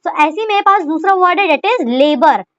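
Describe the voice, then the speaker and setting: A woman's voice: very high-pitched, animated, moderate pace, dry recording. A woman teaching shorthand step by step, often checking in with "okay" and asking herself questions as she writes. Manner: repeats "ठीक है" and asks rhetorical questions while writing. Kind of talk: step-by-step tutorial explanation. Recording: dry, dull lo-fi sound.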